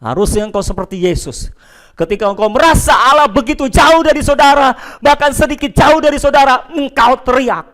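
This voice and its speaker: Pastor, male, very high voice, forceful sermon delivery that swings loud and soft. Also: brisk. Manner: emphatic preaching, swinging between loud declarations and low, quiet asides. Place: church, addressing congregation and home viewers.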